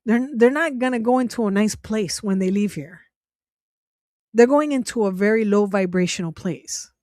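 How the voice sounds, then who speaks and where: A woman's voice: mid-range voice, normal speed, a little mellow, no room sound, studio quality. A woman hosting a casual commentary vlog, talking in a profane, incredulous way, laughing often and rambling with many restarts. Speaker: channel host.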